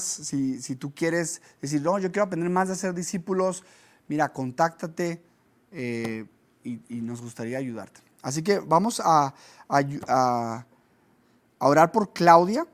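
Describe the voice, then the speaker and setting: A man preaches a teaching sermon. He talks to his listeners directly and conversationally, and he becomes animated when he tells stories. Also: a little high, unhurried. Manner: conversational, with lively storytelling. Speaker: pastor.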